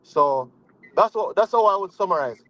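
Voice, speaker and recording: A man speaking on a remote call whose audio keeps cutting out, halting and searching for words. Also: high-pitched, lively intonation, fairly bright tone, poor audio. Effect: connection breaking up, audio cutting out. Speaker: panelist on a football talk stream. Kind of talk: casual online panel chat.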